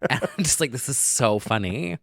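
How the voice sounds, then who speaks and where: A man's voice: mid-range voice, expressive, moderate pace, gravelly, a bit bright, dry recording, clean studio sound. A man co-hosting a casual pop-culture podcast, talking in a sassy, campy, slangy way. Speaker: podcast co-host and remixer.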